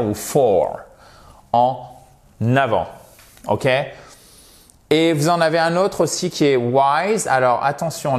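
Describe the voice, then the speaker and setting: A man giving a video English lesson, explaining suffixes and stressed syllables and repeating example words slowly and carefully. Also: medium pitch. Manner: addresses viewers warmly as "chers amis". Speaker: English teacher.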